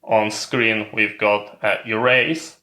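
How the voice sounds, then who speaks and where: On the low side, very even and unhurried, his voice carries a crisp, bright edge as he teaches equipment use hands-on. The man's English shows non-native phrasing, and he takes viewers through every step in a methodical, instructional way. The space sounds roomy and echoing.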